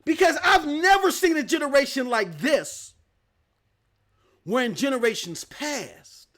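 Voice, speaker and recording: Animated, high-voiced ranting man. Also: unhurried. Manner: emphatic, rhetorical questions, slangy. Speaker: gaming news host. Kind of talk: live-stream rant.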